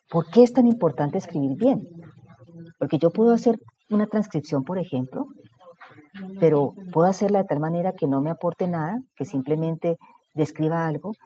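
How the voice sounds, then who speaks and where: A man's voice: on the high side, warm tone. A man running a writing workshop, explaining step by step and putting questions to his audience. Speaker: workshop instructor. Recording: dull lo-fi recording.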